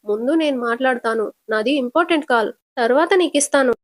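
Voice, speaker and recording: A woman's voice: sits high, close to an everyday voice. A woman voicing a sly defensive young woman. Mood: scheming. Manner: defensive, quick comebacks.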